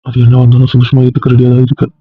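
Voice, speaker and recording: A man's voice: mid-range voice, monotone, very fast, no echo, lightly acted. A man playing a grief-stricken young husband who pleads and despairs over his guilt. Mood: despairing. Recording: muffled phone-like sound.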